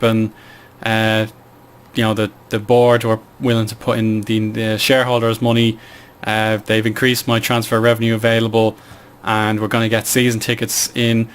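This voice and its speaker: A man talks through his game in a casual, halting way, stopping often for fillers as he thinks. His voice is clean and smooth. He keeps a fairly flat, even pitch. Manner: hesitant, many fillers. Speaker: game commentator. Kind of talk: casual gameplay commentary.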